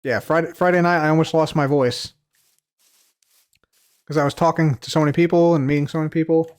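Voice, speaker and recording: On a casual live stream, a man with a slightly high voice and a steady tone speaks fairly quickly as he reads viewer questions aloud from chat. His answers ramble and circle back, filled with fillers, and his slightly strained voice tends to trail off quietly.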